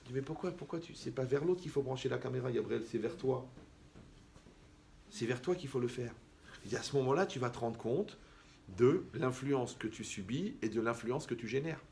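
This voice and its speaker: A man giving a lively, conversational sermon as a rabbi, who acts out the people he quotes. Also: medium pitch, moderate pace, vocal fry, a little hiss or hum. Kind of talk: animated sermon.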